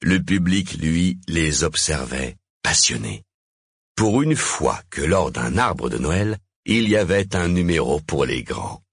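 Male storybook narrator: very low, husky, unhurried, dry close mic. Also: big pitch swings, dry recording. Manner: slow, dramatic storytelling.

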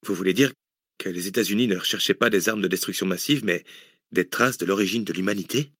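A man reading aloud voices a young female researcher, asking questions with disbelief in an audiobook. The voice stays low and the sound is dry. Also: fast, a bit bright, slightly rough, dry recording. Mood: incredulous. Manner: questioning, incredulous.

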